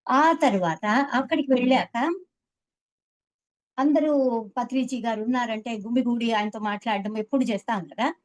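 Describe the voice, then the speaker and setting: Woman, 70s, earnest testimony, storytelling to an interviewer, mid-pitched voice. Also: low-quality recording. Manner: earnest storytelling, quoting others with feeling. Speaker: meditation teacher.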